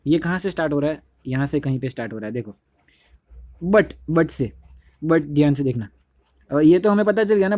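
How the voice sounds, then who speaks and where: Young guy teaching chem, mellow dry voice, keeps going "dekho" and correcting himself. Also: on the high side, dry recording. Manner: repetitive, keeps saying "dekho", self-correcting. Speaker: chemistry teacher. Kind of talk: casual classroom lecture. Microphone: phone held while writing on screen.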